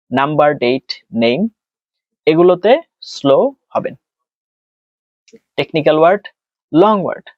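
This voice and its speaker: A man teaching a test prep lesson. He asks and answers his own questions, and he slows down and spells things out when he speaks English. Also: fairly high pitch, no room sound. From Bangladesh. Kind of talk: tutorial lesson, mixing Bengali and English. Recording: dry, dull lo-fi sound.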